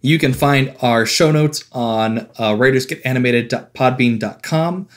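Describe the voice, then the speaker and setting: Podcast co-host, male, mid-pitched, wry and opinionated. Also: measured pace. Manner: wry, opinionated, laughing asides. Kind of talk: casual chat.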